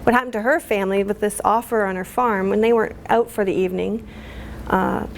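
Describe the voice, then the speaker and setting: A woman speaking at a public talk, halting and emotional, with many fillers, recorded with faint room ambience. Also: medium pitch, fairly even intonation, a little hiss or hum. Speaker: community activist speaker.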